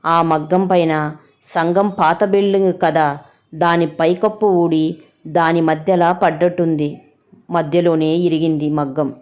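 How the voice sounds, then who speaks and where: A woman narrating a village story in a steady, plain way, with a Telangana Telugu accent. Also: deep voice, lo-fi sound.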